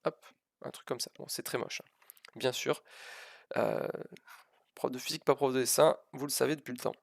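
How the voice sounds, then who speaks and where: Streaming live, a man teaches physics informally, hesitating, poking fun at himself, and repeating and emphasizing key words. He speaks at medium pitch with fairly even intonation, a moderate pace and a creaky voice, with no room sound.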